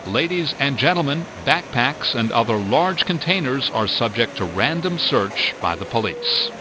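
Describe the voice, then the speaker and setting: A man giving formal, measured recorded transit service announcements. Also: medium pitch, big pitch swings. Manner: formal, measured public-address delivery. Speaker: train announcer. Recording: noisy recording inside a train. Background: train vehicle noise.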